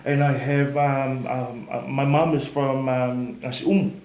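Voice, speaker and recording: A man's voice: medium pitch, a little slow. Chatty man in an echoey room. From Samoa. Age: 30s. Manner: relaxed, chatty, many fillers. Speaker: podcast guest. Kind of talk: casual podcast chat. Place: studio room.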